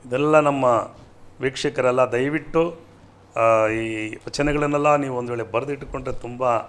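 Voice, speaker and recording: A man with a Kannada accent, a pastor on a TV programme, teaching from the Bible and answering viewer questions with rising fervour. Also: normal speed. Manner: fervent, rises in pitch and volume when quoting scripture.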